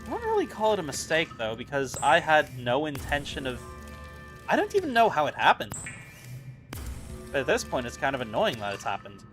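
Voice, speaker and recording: A man's voice: a little high, wildly swooping pitch, fairly quick, a bit bright, faint music behind. A man giving casual gameplay commentary, chatty and self-mocking as he thinks aloud. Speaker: gaming video host.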